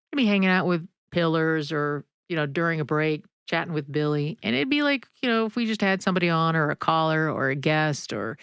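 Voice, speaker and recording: Woman podcast host, casual storytelling, lowish voice, dry close mic. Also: fairly bright tone, clean tone, dry recording. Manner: chatty, laughs often, folksy asides.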